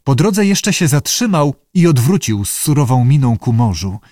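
Man narrating an audiobook, steady measured read, dry close sound. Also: medium pitch, dry recording. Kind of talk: scripted narration.

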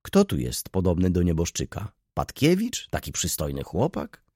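A man's voice: sits low, wildly swooping pitch, moderate pace, a little mellow, breathy edge, no echo, clean studio sound, exaggerated voice. A man voicing a smug young student lodger in an audiobook, speaking with sugary mock courtesy. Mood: mock-polite. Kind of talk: audiobook reading.

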